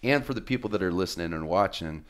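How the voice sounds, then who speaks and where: A man's voice: low voice, lively intonation, quick pace, clear, resonant tone. A man hosting a podcast interview, talking in an earnest, affectionate way with frequent fillers. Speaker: podcast host.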